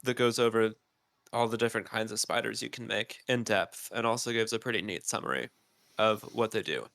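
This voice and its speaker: A man with a gravelly, slightly low voice that has a bright edge, talking on a podcast. He rambles through explanations with ums and pauses, his nose stuffy, in a dry close recording. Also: no room sound. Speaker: podcast co-host. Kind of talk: casual chat.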